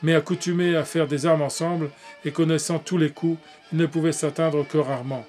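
A man narrating a classic tale in a measured way, with occasional slips and restarts. Faint music plays behind him. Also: on the high side, fairly even intonation, a little mellow. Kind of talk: reading a classic tale aloud.

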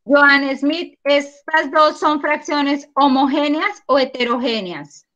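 A woman teaching a primary school math class over a video call, patient and encouraging, counting aloud slowly. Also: high-pitched, sharp tone, muffled recording. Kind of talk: online class. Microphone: computer mic on a video call.

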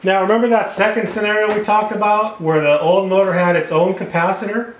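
A man's voice: high-pitched, fairly even intonation, brisk, slight background noise. A man explaining HVAC wiring step by step while he draws on a whiteboard, recorded by a camera over the board. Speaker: HVAC repair instructor. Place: indoor room at a whiteboard table. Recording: echoey room sound.

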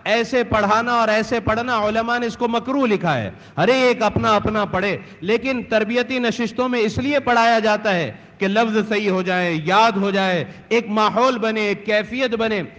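High-voiced man lecturing in echoing hall. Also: a bit bright, dull audio. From India. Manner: earnest, emphatic, chants talbiyah slowly. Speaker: Hajj trainer. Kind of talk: religious training lecture. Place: large hall with audience. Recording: reverberant hall.

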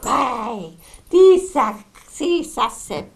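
Woman doing male puppet jester, Austrian German accent, high voice, slow deliberate talk, children's puppet theatre. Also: very animated, vocal fry, full character voice. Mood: excited. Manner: chatty, talks to the children in the audience. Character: merry male Kasperl puppet jester, lively and bossy.

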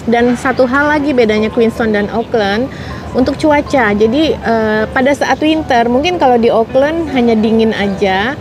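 A vlogger in her forties from Indonesia chats casually with viewers on a city street, answering their comments with plenty of fillers. She speaks at a moderate pace in a fairly high voice, picked up by a clip-on lapel mic, with outdoor street noise behind her.

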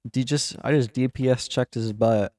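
A man's voice: mid-range voice, fairly even intonation, moderate pace, warm tone, dry recording, studio quality. A young man casually commenting while playing a game, chatty and laughing at himself. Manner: chatty, laughing, self-mocking. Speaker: gaming channel host.

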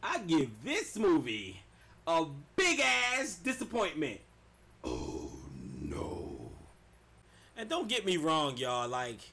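A man giving a casual, animated movie review, swearing freely and talking straight to his viewers. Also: on the high side. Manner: animated, swears a lot, addresses viewers as y'all.

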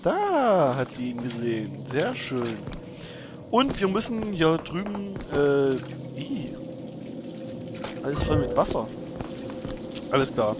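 A man's voice: a little high, sing-song, takes it slowly, pauses often, background noise. A man hosting a let's play, giving casual gaming commentary in a chatty way and talking both to himself and to the game character.

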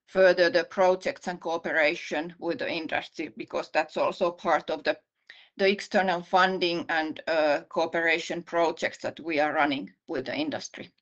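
A Finnish woman with a low voice, a university vice-dean, presents slides at an online conference. She speaks in a measured way, with many "uh" pauses and restarts, and the video call audio is slightly muffled.

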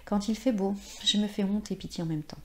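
A woman's voice: mid-range voice, normal speed, mellow, close to an everyday voice. A woman voicing a dreamy, passionate former actress of sixty-nine in a read-aloud short story. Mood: shy, playful.

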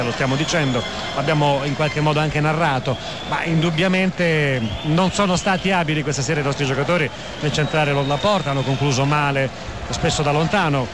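A man's voice: fairly high pitch, background noise. A man giving live play-by-play football commentary on the radio. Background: stadium sound, music.

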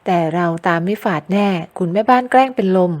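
A woman's voice: mid-range voice, fast, darkish tone, close to an everyday voice. Woman voicing young woman, anxious, polite, plaintive; audio novel. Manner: plaintive, polite ending particles. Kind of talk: audiobook character voice.

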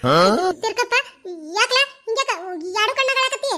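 A woman's voice: very high voice, fairly even intonation, normal speed, over a noisy crowd, voice pushed up. A woman voicing a chatty, stingy older village woman in a cartoon comedy, speaking with a North Karnataka Kannada accent, bantering, laughing, and stammering when she is caught out. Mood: teasing.

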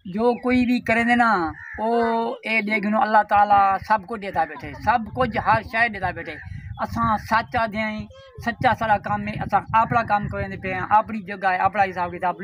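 An older man, the vlogger's father, speaking slowly outdoors at a building site, giving blessings. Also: high voice, fairly even intonation, a bit bright, a little hiss or hum. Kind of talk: casual chat.

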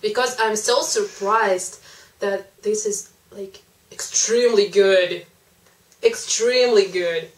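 A woman's voice: mid-range voice, slow pace, far from the mic. A woman co-hosting a casual reaction video, gushing and awestruck at what she sees. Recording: echoey room with loud music.

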